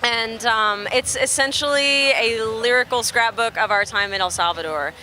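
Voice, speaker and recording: Bright-voiced chatty woman from Texas. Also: fairly high pitch, normal speed, slight background noise. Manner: animated, chatty storyteller who laughs easily. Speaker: musician guest. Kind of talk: casual interview chat. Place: outdoors at a festival near traffic.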